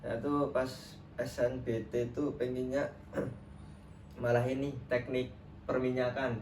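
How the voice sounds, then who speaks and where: In a role-play counseling session, a young adult man acting as a trainee counselor chats in a friendly, casual way full of fillers. His medium-pitched voice is slow, a little mellow, with little pitch movement, picked up by a distant mic in a roomy space with noticeable background noise.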